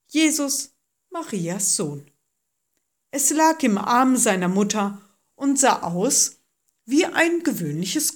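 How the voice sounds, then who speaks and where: A woman narrating a children's Bible story with gentle, clearly paced storytelling. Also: medium pitch.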